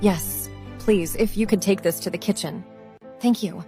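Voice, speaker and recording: A woman acts out a humble, kind-hearted figure in a drama. She speaks earnestly and gently at a medium pitch, with soft music underneath. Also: unhurried, natural voice. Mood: meek, deferential. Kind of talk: scripted drama dialogue.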